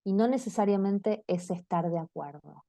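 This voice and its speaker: A woman with an Argentine accent gives an online talk to parents, engaging her listeners and checking in with them often. Her voice is mellow and soft-toned, and the sound is close and dry, as if picked up by a video-call mic. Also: mid-range voice, normal speed, creaky, no room sound. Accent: Argentine Spanish.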